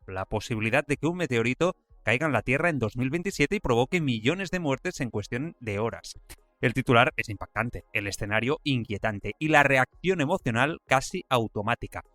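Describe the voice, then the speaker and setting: A podcast host with a Spanish accent from Spain reads a scripted science explainer in a measured, didactic manner. His mid-range voice is animated and a bit bright, with no room sound.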